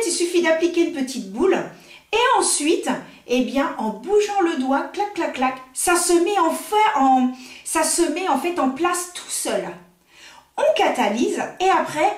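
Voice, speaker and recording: A French woman and nail technician chatting casually while unboxing, thinking aloud with many fillers. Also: high voice. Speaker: nail technician and makeup artist. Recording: roomy echo.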